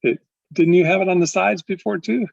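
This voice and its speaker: A husky-voiced man presides over a club meeting held on a video call, trading easy small talk and welcoming each member by name. His words come through dull and lo-fi, and they sound close and dry with no room around them. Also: sits high, brisk, dry recording. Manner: chatty, greets members by name, laughs often. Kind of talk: casual chat.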